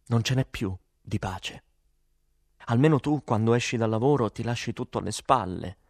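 A man's voice: mid-range voice, darkish tone, no echo, clean studio sound, lightly acted. A man voicing a weary, exasperated woman who sells vitamins, swearing and emphatic, in an audiobook. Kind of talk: audiobook character voice.

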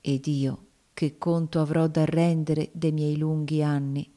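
A woman voicing a grieving gentleman father who speaks in a brooding, emphatic way. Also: deep voice, level tone, measured pace. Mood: grief.

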